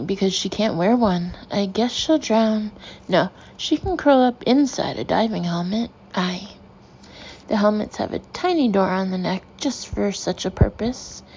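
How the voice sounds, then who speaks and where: A woman with a medium-pitched voice plays an excitable male sea captain who rambles loudly, keeps correcting himself, and tacks "aye" onto his sentences. The recording is muffled, with slight background noise.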